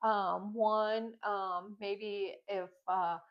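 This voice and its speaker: A woman in her fifties co-hosting a casual faith chat, hesitant and agreeable, pausing on many ums. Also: medium pitch, fairly even intonation. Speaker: podcast co-host. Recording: dull lo-fi sound.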